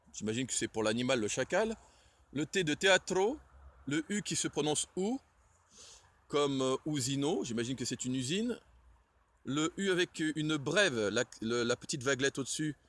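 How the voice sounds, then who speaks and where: A man's voice: mid-range voice, a bit bright. A man giving a casual spoken lesson on a language's alphabet, hesitant, with many fillers and self-corrections, shivering a little in the cold. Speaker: Esperanto enthusiast presenting the alphabet. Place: outdoors in the cold.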